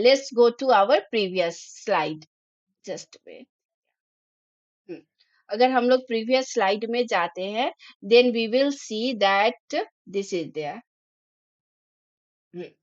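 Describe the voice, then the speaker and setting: Slow, patient woman teacher. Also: fairly high pitch, dry recording, muffled recording. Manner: explains slowly, mixing English terms into Hindi. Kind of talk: online exam-prep lecture.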